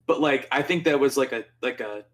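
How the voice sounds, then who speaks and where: Young man chatting, excitable and profane. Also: medium pitch, a little fast. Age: young adult. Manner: excitable, swears freely, rambling with many fillers. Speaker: podcast co-host. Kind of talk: casual chat.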